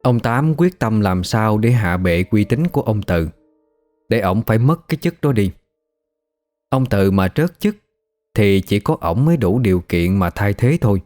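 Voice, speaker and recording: A man, narrating a ghost story in a steady, measured way. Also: fairly low pitch, faint music behind.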